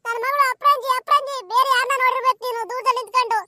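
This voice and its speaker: A woman's voice: extremely high pitch, steady tone, racing, sharp tone, no room sound, clean studio sound, full character voice. A woman voicing a distraught village mother in a cartoon, melodramatic, wailing and cursing. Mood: defensive.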